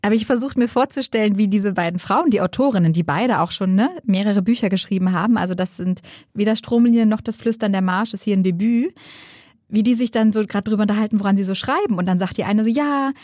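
A woman's voice: medium pitch, fast talker, a little mellow, dry recording, studio quality. A woman co-hosting a book podcast, musing aloud in casual chat and often checking in with her partner. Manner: musing, thinks aloud with many tag questions.

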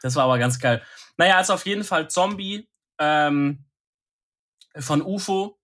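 Male podcast co-host, fairly high and bright, slangy banter, speaks straight to the audience. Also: normal speed. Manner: slangy, joking, addresses listeners directly.

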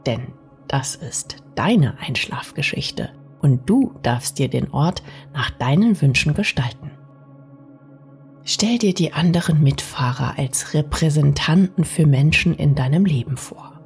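A woman narrates a bedtime sleep story in a soft, soothing, partly whispery way, speaking intimately to the listener. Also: low-pitched. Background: music.

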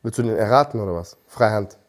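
A man's voice: on the low side, expressive, quick pace, slight background noise. A man co-hosting a podcast in casual chat, arguing insistently and often asking if you get what he means. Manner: argumentative, insistent, keeps asking "weißt du, was ich meine?". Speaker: podcast co-host.

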